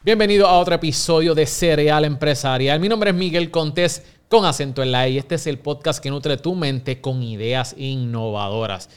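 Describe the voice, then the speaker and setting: A man hosting a podcast, talking in an energetic, playful and emphatic way. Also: mid-range voice, moderate pace, hardly any pauses, smooth. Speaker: podcast host. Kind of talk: casual podcast interview.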